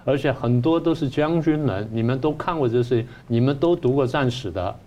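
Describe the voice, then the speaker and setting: A man's voice: medium pitch, brisk, mellow. A man, a professor giving political commentary who argues his point through repeated rhetorical questions. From Taiwan.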